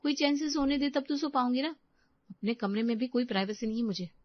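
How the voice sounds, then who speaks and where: A woman plays a put-upon young daughter-in-law in a storybook tale, grumbling and exasperated in a fairly high voice. The recording is close, dry and a little dull. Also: fast, no echo, close to an everyday voice.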